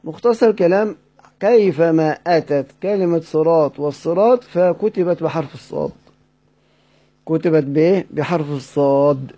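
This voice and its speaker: A man's voice: fairly high pitch, normal speed. A man with an Egyptian accent giving a recorded lecture, asking his students questions, answering them himself and repeating the key points. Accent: Egyptian Arabic. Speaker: teacher. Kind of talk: recorded lecture explaining a text. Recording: dull lo-fi recording.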